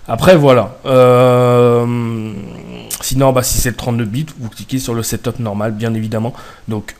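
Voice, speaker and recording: A man from France talks through a software installation step by step, casual and unscripted. He hesitates often and corrects himself as he goes. His voice sits at a middle pitch, recorded on a computer microphone. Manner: hesitant, many fillers and self-corrections. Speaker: tutorial host.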